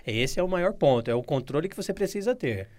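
A man's voice: on the high side, very animated, fairly quick, darkish tone. A man co-hosting a business podcast, speaking in a frank, slangy, casual way. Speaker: podcast co-host.

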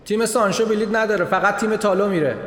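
A man voicing a frantic man shouting urgently from across an airport. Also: sits high, steady tone, voice pushed up, natural voice. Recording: echoey hall from far off.

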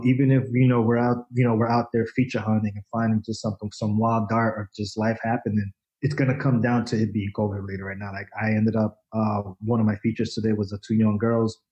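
A man's voice: on the low side, a little mellow, rough recording. A man in his forties from the Dominican Republic, a photojournalist guest chatting loosely with lots of fillers, restarts and casual swearing. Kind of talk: casual interview chat.

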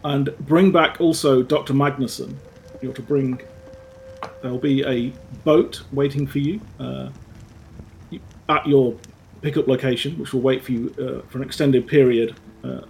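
A man's voice: mid-range voice, creaky, a little mellow, slight background noise. A man narrating a tabletop horror game as game master, reading out a briefing and then explaining loosely with many fillers.

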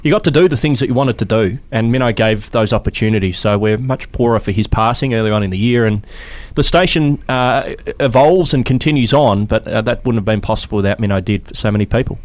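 Fast-talking Australian man, dry close sound. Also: medium pitch, dry recording. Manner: rapid, joking, reminiscing. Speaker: podcast co-host, former community radio broadcaster. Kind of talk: casual chat.

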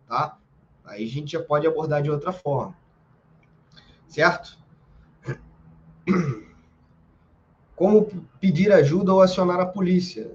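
A man with a Brazilian accent teaching self-defense in a casual, emphatic way, full of slang and quick "right?" checks. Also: a little high, highs cut off. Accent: Brazilian Portuguese. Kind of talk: informal spoken lesson.

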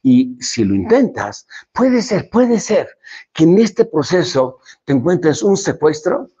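Male motivational speaker, dramatic loud-soft delivery, slightly high voice, muffled lo-fi sound. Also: very animated, slow, slightly rough. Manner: dramatic, swings between loud emphasis and soft low lines. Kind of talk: motivational speech. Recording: dull lo-fi recording.

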